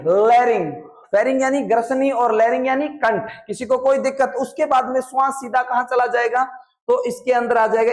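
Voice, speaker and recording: In a classroom biology lecture, a man with a Rajasthani accent and a very high-pitched voice teaches his students. He quizzes them often and drills terms through repetition.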